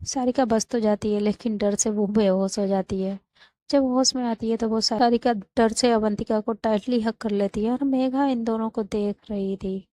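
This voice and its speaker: A woman hosting her own channel, retelling a romantic story in a chatty, animated way. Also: on the high side, moderate pace, dry recording.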